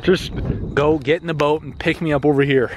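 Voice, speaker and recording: A young man vlogging outdoors on a lake, excitable and hamming up pirate play-acting with frequent shouts. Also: on the high side, a little fast, noisy background. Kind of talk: playful casual vlog banter.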